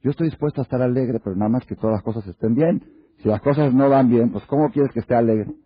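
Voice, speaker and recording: A man's voice: mid-range voice, quick pace, slightly rough. A man giving a Torah lecture to an audience, asking many rhetorical questions and acting out little dialogues to make his points. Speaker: religious lecturer. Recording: dull lo-fi recording.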